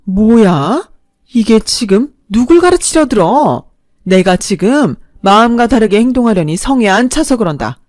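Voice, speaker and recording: A woman voicing a sharp-tongued, contemptuous middle-aged mother-in-law in a spoken story. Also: fairly high pitch, normal speed, no room sound, clean studio sound, voice pushed up, lightly acted. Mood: scornful. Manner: contemptuous, snapping.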